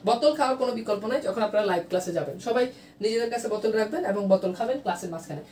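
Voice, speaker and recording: A woman's voice: on the high side, animated, racing, a little mellow. A woman teaching a grammar lesson in a live online class, repeating each point and quizzing her students. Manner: repetitive, drilling questions to students. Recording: echoey room, distant mic, faint noise.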